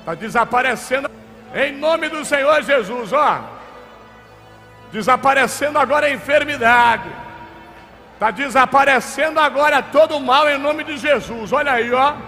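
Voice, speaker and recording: High-voiced preacher shouting in tongues. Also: male voice. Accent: Brazilian Portuguese. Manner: alternates hushed rapid speech with shouted commands and bursts of tongues. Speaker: pastor. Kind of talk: charismatic deliverance preaching with speaking in tongues. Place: church service. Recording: reverberant hall with faint background music.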